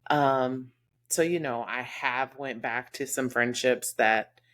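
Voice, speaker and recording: Heartfelt low-voiced Texan woman chatting. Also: fairly even intonation, slow, fairly bright tone. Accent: Texas. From Texas. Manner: candid, heartfelt, lots of fillers. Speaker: podcast co-host. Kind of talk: casual chat.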